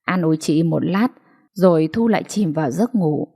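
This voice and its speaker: A woman's voice: on the low side, moderate pace, mellow, slightly rough. Woman narrating a late-night story. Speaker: audiobook narrator.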